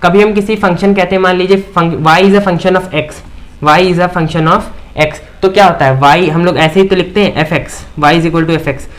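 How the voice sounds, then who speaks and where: A man's steady, high voice moves at normal speed through a maths lecture at the board. He asks the class questions, answers them himself, and frequently checks in with "theek".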